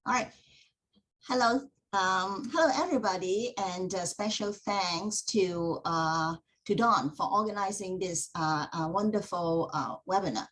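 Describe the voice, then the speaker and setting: A woman's voice: medium pitch, a little slow, fairly bright tone. A woman from Hong Kong with a Hong Kong accent, presenting over a video call for a tourism board in a friendly, hesitant way with many uhs. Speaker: tourism board marketing manager. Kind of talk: webinar presentation.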